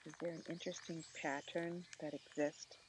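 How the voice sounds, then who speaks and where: A soothing guide narrating a meditation in short, slow phrases with long pauses. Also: medium pitch, flat delivery. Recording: clear outdoor nature noise, birdsong.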